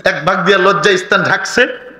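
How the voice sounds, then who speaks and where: Man chanting a fervent sermon. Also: moderate pace. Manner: melodic chanting delivery with sudden swoops in pitch and loudness. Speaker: preacher. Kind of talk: sung Bengali sermon. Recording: reverberant hall, loud PA.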